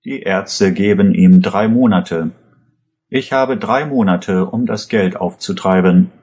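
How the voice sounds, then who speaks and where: A man reading a worried father, low and slow. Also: darkish tone. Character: worried middle-aged male pharmacist, anxious father.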